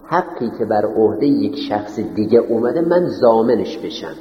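Speaking with a fairly low, sing-song voice, this man teaches lecture-style, reading out notes for students to copy and asking questions he then answers on his own. The sound is dull and lo-fi, with the echo of a large hall.

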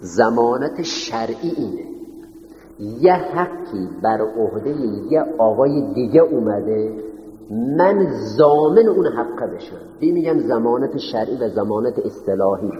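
A man's voice: medium pitch, expressive. A man teaching a class in a lecture style, dictating notes and putting questions to his students, then answering them himself. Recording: roomy, echoing hall on dull lo-fi audio.

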